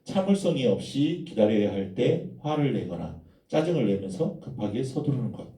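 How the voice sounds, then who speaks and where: Lively preacher in an echoey church. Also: male voice, medium pitch, normal speed, far from the mic. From Gyeongsang, South Korea. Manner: storytelling, addressing the congregation. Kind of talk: sermon. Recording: echoey church hall from afar.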